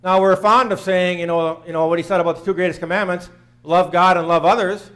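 Earnest high-voiced man preaching. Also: fairly even intonation, a little fast, a bit bright. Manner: earnest, plain-spoken, repeating phrases for emphasis. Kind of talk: sermon. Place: small church sanctuary, in front of the altar.

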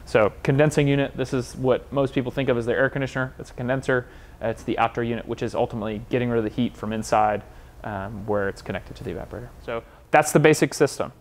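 A man's voice: medium pitch, steady tone, fast talker. A man, walking through how a home cooling and heating system works, gesturing at the equipment in a warehouse workshop. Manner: plain, practical, explains with hand gestures. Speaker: HVAC company representative. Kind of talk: explanatory equipment walkthrough. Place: large warehouse workshop with concrete block walls.

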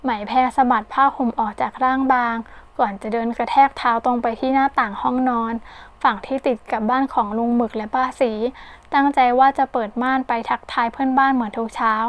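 Woman audiobook narrator, expressive storyteller with a high voice. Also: fairly quick.

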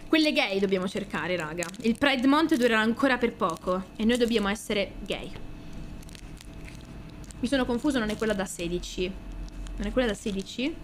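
A young adult woman with an Italian accent, chatting casually on a stream, excitable, swearing often and shrieking when she gets excited. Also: medium pitch, moderate pace, a little hiss or hum. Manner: excitable, squeals and shouts at pulls, swears often. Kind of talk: casual card-opening stream chat.

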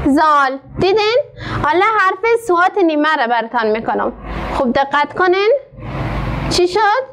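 A woman teaching a literacy class in an Afghan Dari accent, asking the class many questions and reading syllables out very slowly. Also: sits high, fairly bright tone, slight background noise. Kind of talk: classroom lesson.

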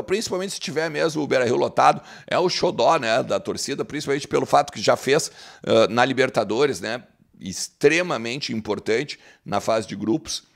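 A man chats about his football club straight to the camera. His mid-pitched voice has a gravelly, creaky edge, and he keeps tagging lines with quick asides to the viewer. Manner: chatty, tags sentences with "né?" and "ó". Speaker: football channel host. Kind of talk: casual football commentary to camera.

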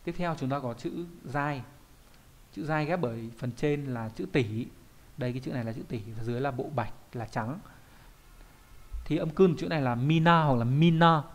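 A man, a Japanese teacher explaining kanji in an online lesson, often asking questions and answering them himself. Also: medium pitch.

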